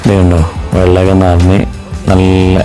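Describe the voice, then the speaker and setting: A man's voice: low-pitched, monotone, moderate pace. A man with a Kerala Malayali accent gives casual, enthusiastic travel vlog commentary, mixing English words into his speech. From Wayanad, Kerala, India. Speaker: travel vlogger. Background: background music.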